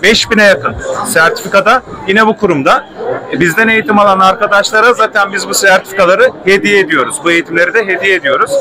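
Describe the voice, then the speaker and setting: A man delivering a fluent promotional pitch as a representative of a language school. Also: rough recording. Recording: outdoor crowd and street sounds. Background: crowd, outdoors.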